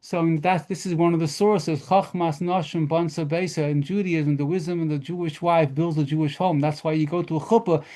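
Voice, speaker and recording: A rabbi telling lively stories at a model seder lesson, mixing in Hebrew terms. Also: male voice, fairly high pitch, a little fast, few pauses.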